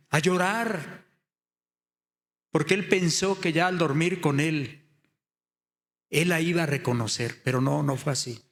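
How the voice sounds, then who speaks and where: A man preaching a sermon, telling the story with many rhetorical questions and building to loud, impassioned emphasis. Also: high voice.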